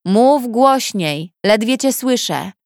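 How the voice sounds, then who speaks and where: A woman's voice: fairly high pitch, expressive, takes it slowly, darkish tone, no echo, clean studio sound, pitched above the performer's own voice. A woman reader voicing a brash, mocking female prisoner who talks in crude slang. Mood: brash teasing.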